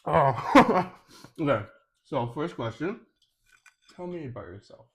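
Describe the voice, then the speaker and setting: A man's voice: fairly high pitch, expressive, takes it slowly. A young man in his twenties raised in Georgia, hosting a casual chat over food in a playful, joking way. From raised in Georgia, USA. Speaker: host. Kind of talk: casual podcast chat while eating.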